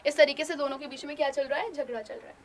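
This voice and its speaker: A woman's voice: sits high, steady tone, rapid-fire, a little hiss or hum. A woman English teacher explaining a play, line by line, in simple Hindi for students. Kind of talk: bilingual classroom story explanation.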